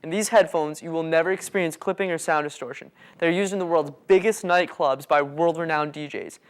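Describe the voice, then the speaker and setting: A man delivering a scripted infomercial sales pitch in a salesy, urging manner. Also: a little fast, clear, resonant tone. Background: music.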